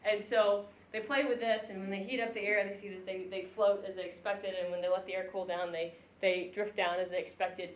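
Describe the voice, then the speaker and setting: A woman physics lecturer teaching a class, animated and joking, chuckling between her points. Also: medium pitch, fairly quick, few pauses, a little hiss or hum. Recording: echoey, dull lo-fi room recording.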